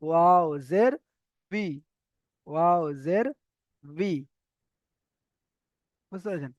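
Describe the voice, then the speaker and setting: A man teaching Arabic letter pronunciation in an online lesson, slowly repeating each letter with its vowel mark. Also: high voice, no echo, dull audio. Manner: slow drilling of letter sounds, repeating each pair. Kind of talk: online Quran reading lesson.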